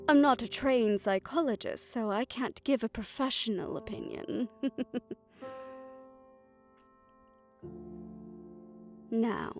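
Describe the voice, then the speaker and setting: In an audio roleplay, a woman plays a stern, protective female doctor who is softly fond of her listener, speaking in a measured, formal, faintly haughty way. Her voice is on the high side and her mood gentle and reflective, with a roomy echo on the recording.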